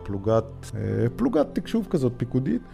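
A man in his forties with a Russian accent tells his own story as a podcast guest. His voice is mellow and warm, and he speaks haltingly, often pausing on filler sounds. Faint music plays underneath. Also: medium pitch, wildly swooping pitch, gravelly. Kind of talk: personal storytelling.

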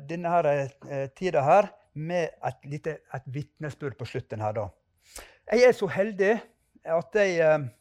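A man's voice: fairly high pitch, darkish tone. A man giving a spoken testimony and a fervent prayer as a preacher on a podcast.

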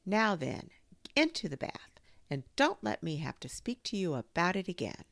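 A woman voicing a brisk, motherly female kangaroo in a storybook, coaxing and fussing cheerfully but firmly. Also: lowish voice, sing-song, gravelly, dry recording, pitched above the performer's own voice, full character voice. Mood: severe, scolding.

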